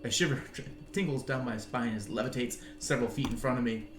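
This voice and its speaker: A man streaming a game, reading its narration aloud in an animated way with frequent chuckles. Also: mid-range voice, quick pace, roomy sound.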